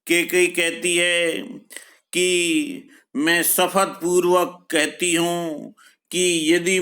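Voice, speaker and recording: A man lecturing on a poem, reading each verse and then paraphrasing it slowly and repetitively. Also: on the high side, fairly bright tone. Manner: slow, deliberate explanations with frequent repetition. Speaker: college lecturer. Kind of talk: literature lecture explaining a poem line by line.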